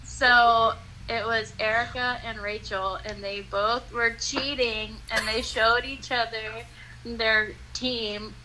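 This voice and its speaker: A woman appearing as a podcast guest, telling a story with lively energy and laughing often as she goes. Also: fairly high pitch, slow pace, background noise. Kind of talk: animated storytelling.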